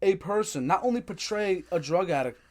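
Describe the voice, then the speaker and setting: Animated young man podcast host. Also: high voice, fairly quick. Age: 20s. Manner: rambling, animated retelling with swearing. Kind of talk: casual chat.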